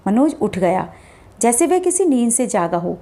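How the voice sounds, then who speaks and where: A woman narrating a scripted horror story in a steady, dramatic way. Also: on the high side, normal speed.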